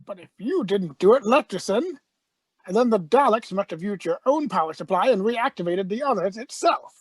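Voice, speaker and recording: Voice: mid-range voice, expressive, normal speed, husky, dry recording. An actor playing an eccentric, defiant space-travelling Doctor in a radio play, urgent and given to repeating phrases. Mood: insistent.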